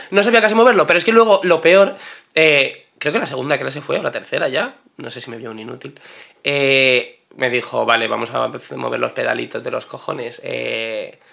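A man's voice: mid-range voice, normal speed, vocal fry, bright, forceful tone. A man chatting casually and joking as a podcast co-host. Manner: joking, slangy. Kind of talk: casual chat.

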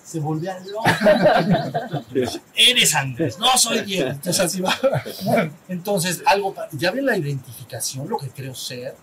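Speaking with lively intonation at a measured pace, a Mexican-accented man leads a small group as a spiritual teacher. He keeps it conversational, seeks the group's assent, and acts out short dialogues; the rough recording carries crowd noise and a faint rumble.

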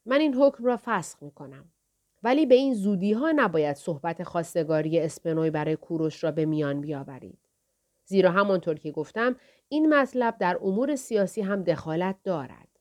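A woman voicing an aging male king who speaks in a measured, formal and calculating way. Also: lowish voice, expressive, a little mellow, natural voice. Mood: composed. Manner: measured, formal royal speech.

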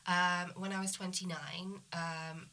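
A woman in her thirties, nasal from a cold, calmly and candidly telling her story as a guest. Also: on the low side, slow. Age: 30s. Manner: calm, candid, matter-of-fact. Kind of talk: interview conversation.

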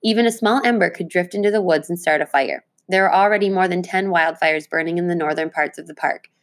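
Lowish woman reading a storybook aloud. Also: quick pace. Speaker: teacher. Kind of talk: reading a children's book aloud.

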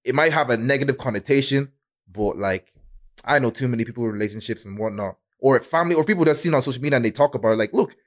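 A man's voice: mid-range voice, racing. A young man with an urban London accent, chatting casually in slang and rambling through his thoughts. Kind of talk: casual group chat.

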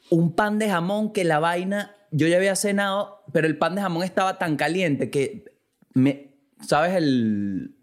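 Man, Venezuelan accent, casual comic monologue, animated, somewhat high pitch, acts out quoted dialogue. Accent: Venezuelan Spanish. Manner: animated, swings into loud outbursts. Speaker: podcast host.

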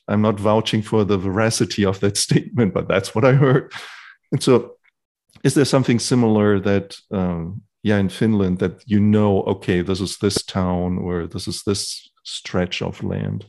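A German-accented man talks in a lively, rambling way and often breaks off into asides. His voice is low and gravelly, with plenty of fry. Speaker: podcast co-host. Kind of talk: casual conversation.

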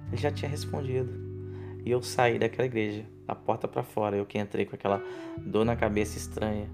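A man's voice: lowish voice, fairly even intonation, fairly quick, over music. A man giving an earnest personal faith testimony, repeating himself as he speaks to fellow believers. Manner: earnest, repetitive storytelling addressed to fellow believers.

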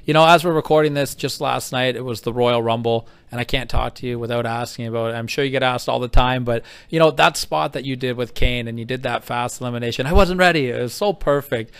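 A man's voice: mid-range voice, fast, hardly any pauses, a bit bright, clear, resonant tone, no echo. A man interviewing a guest in a casual, enthusiastic, fan-like way.

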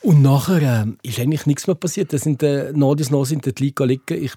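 A man's voice: fairly high pitch, brisk, dark tone, breathy edge, no echo, studio quality. A man with a Swiss German accent, a guest in a casual chat, telling a story hesitantly with many fillers.

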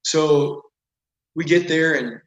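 A man's voice: fairly high pitch, takes it slowly, slight background noise. A man as a podcast guest, telling a story casually and animatedly, with lots of "like" and "whatever.". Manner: animated, rambling with frequent "like" and "whatever". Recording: echoey room.

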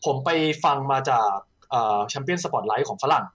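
A man's voice: mid-range voice, animated, measured pace, a bit bright, husky. A young man working as an esports analyst in a casual post-match chat, explaining things at length and adding wry jokes.

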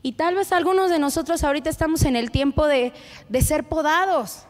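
A woman's voice: high-pitched, a little fast, in a large hall. A woman preaching a sermon in an earnest, conversational way, speaking straight to the listener.

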